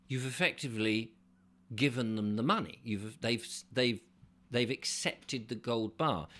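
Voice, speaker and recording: A man's voice: mid-range voice, a bit bright. A man hosting his own video channel, talking unscripted and explaining his ideas step by step in an earnest way. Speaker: channel host. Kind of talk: unscripted solo video monologue.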